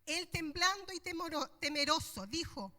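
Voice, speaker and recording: High-voiced woman preaching with passion. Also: lively intonation, moderate pace, sharp tone. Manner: impassioned, emphatic preaching. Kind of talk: sermon.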